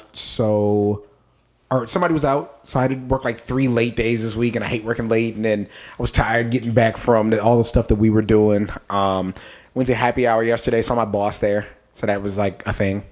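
Here a podcast co-host, a young man, talks casually and fairly quickly with a fairly low, darkish voice and fairly even intonation. His chat wanders, with many fillers and restarts.

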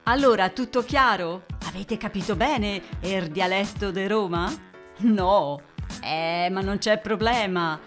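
A woman's voice: medium pitch, takes it slowly, faint music behind. A woman presenting an interview podcast as its host, addressing listeners and putting questions to a guest.

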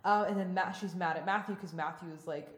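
A woman's voice: lowish voice, fairly even intonation, fast, a little hiss or hum. A woman co-hosting a podcast, rambling casually and gushing, full of "like" and "you know". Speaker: podcast co-host. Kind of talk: casual chat. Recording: roomy room echo.

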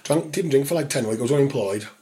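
A man's voice: mid-range voice, quick pace, mellow. A man with a broad Scottish or Cumbrian accent chatting casually as a podcast guest, sweary, slangy and matey. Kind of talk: casual chat, anecdotal.

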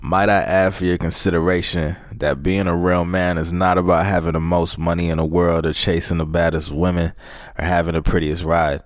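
Young adult man, American accent, low voice, dry recording, reflective podcast host. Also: dry recording. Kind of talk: reflective motivational talk.

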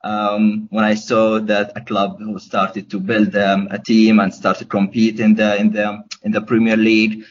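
A man's voice: on the low side, monotone, a little slow, few pauses, a little hiss or hum. A young man from Gaza, answering podcast questions hesitantly, with many ums and restarts. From Gaza, Palestine. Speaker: podcast guest. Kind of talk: casual interview answers. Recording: dull lo-fi podcast audio.

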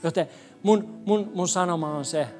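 Male pastor, high voice, conversational preaching from a church, emphatic then hushed. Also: faint music behind. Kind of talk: sermon.

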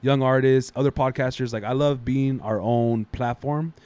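A man's voice: medium pitch, steady tone, darkish tone, smooth, no room sound. A young man from Southeast Los Angeles, a podcast guest chatting in a laid-back, slangy way. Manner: fast, laid-back, slangy, laughs often. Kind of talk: casual podcast chat.

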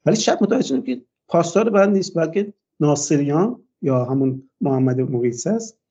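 An older man, a guest in a radio interview, gives a long, hesitant personal account, often pausing on "uh" fillers. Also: fairly high pitch, expressive, warm tone, husky, lo-fi sound.

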